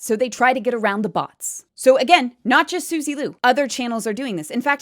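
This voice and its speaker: High-pitched woman giving emphatic commentary. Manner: emphatic, explanatory. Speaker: video commentator. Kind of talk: opinion commentary to viewers.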